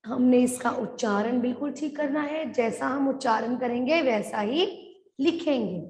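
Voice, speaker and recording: A woman teacher dictates a class lesson and drags out each word so her students can follow. Her voice sits high. The recording has a roomy echo with a long reverb tail. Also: a little mellow. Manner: slow, drawn-out dictation of words; mixes English phrases into her speech. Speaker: primary school teacher. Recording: echoey room with long reverb.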